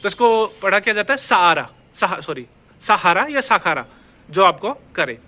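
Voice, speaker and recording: An Indian man teaching a casual language lesson, his voice pitched high and his tone bright. He talks in a chatty way, repeats the words he teaches and keeps checking that the viewer is following. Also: big pitch swings, a little fast. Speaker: Spanish teacher.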